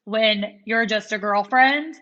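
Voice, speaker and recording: A woman's voice: mid-range voice, slow, pushed and bright. A woman around thirty hosting a podcast, chatting casually and reflectively with many fillers. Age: 30s. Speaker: podcast host. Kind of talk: casual chat. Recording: dull lo-fi sound.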